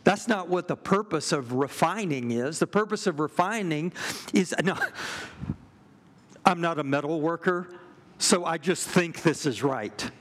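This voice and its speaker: Slow, high-voiced man preaching a sermon. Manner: earnest, measured, with pauses and restarts. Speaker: pastor.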